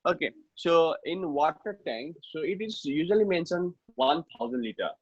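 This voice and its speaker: Expressive and husky, with a fairly high pitch, a Nepali-accented man runs an informal online math lesson at normal speed. He mixes languages, repeats himself often and keeps checking in with short tags. There's no echo, though the lo-fi class audio is dull.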